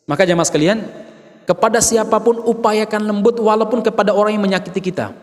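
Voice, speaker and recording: Lively high-voiced male preacher in a hall. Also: fast. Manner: lively, joking with the audience, acts out quotes. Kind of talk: sermon.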